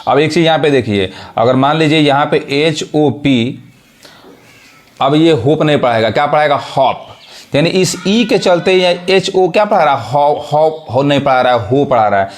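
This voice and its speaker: Teaching English pronunciation, a man speaks expressively at a moderate pace in a voice on the higher side. He keeps spelling words letter by letter and asking again and again whether his students are with him.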